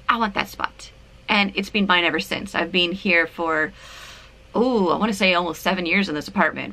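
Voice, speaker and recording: A woman's voice: on the high side, sharp tone. A woman in her thirties from Canada, chatting to the camera at home in a giggly, self-deprecating way. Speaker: vlogger. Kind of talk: casual chat to camera. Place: her apartment, indoors.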